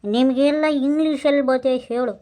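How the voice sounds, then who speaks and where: A woman's voice: sits high, steady tone, a little fast, dark tone, natural voice. A woman playing a slurring drunk village man. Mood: boastful, threatening. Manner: slurred, rambling, broken English boasts. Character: drunken boastful village man, middle-aged. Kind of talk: comic village skit acting.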